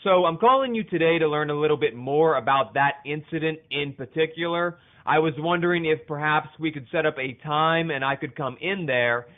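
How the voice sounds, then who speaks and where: A man, an independent reporter, leaving a formal voicemail over a landline phone, measured and carefully worded with a dry, ironic edge. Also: on the high side. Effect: heard over a landline phone. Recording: tinny phone line.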